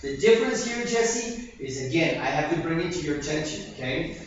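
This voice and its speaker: A man with an American accent runs a pronunciation lesson, a touch higher-pitched than most men. He sounds distant in a very echoey classroom, and the recording is dull with steady noise behind him. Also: fairly quick. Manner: patient, repeats and checks understanding with "okay?". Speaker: English teacher.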